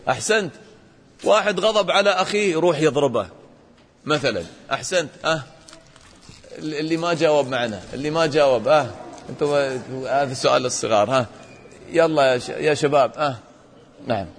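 A man teaching a religious lesson to children, questioning the class and acting out examples in an animated way. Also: on the high side, fairly quick, long pauses, big-room sound, a little hiss or hum.

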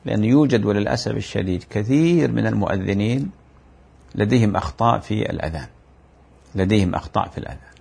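A man lecturing on religion in a low, gravelly voice with a husky edge. He explains each point slowly and repeats himself for emphasis. Now and then he chants short examples himself. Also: a little mellow. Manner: explains errors in the call to prayer and chants examples of them; drawn-out, repetitive teaching delivery. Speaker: Islamic teacher.

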